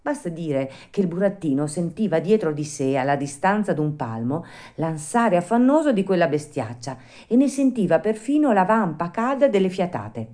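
Lively low-voiced woman reading a story. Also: normal speed, few pauses. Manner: dramatic, swelling rises on vivid moments.

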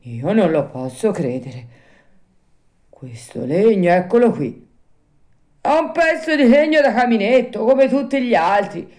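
A woman's voice: sits low, warm tone. Woman doing a grumbling old carpenter. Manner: grumbling, muttering to himself. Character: old male carpenter, jovial then frightened.

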